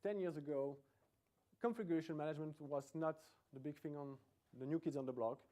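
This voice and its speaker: A fairly quick, mellow voice on the high side comes from a middle-aged Belgian conference speaker with a Belgian accent. Addressing a lecture room, he keeps things chatty and self-mocking, repeatedly beginning his sentences again.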